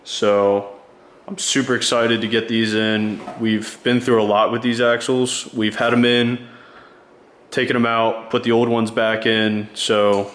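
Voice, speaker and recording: A man with a medium-pitched, slightly bright voice speaks a little slowly with little rise and fall, over a faint hiss or hum. He hosts a car build channel and chats easily through a casual how-to vlog, explaining his work from inside a vehicle in a garage.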